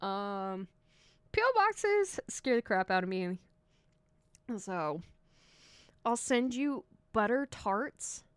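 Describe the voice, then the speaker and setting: A woman's voice: medium pitch, very animated, slow, pauses often, a bit bright, smooth, dry recording. A young American woman streaming live, chatting casually and teasing her viewers with frequent laughter. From United States. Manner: giggly, teasing, laughs often.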